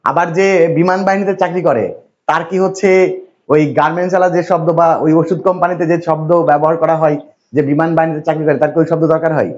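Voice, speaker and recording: A man from Bangladesh lecturing a classroom, his voice a little higher than most men's. He talks in a repetitive, reassuring way and keeps quizzing his students. The recording is dull and lo-fi. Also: little pitch movement, fast, darkish tone. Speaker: English teacher.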